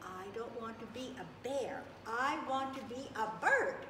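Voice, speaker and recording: An older woman voicing a discontented, wishful young boy bunny from a storybook, reading as if to a toddler with emphatic, drawn-out words. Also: a little high, animated, bright, forceful tone. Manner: emphatic, sing-song listing with drawn-out final words. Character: young male bunny, discontented, wishful, stubbornly declaring wishes. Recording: echoey, noisy room, distant microphone.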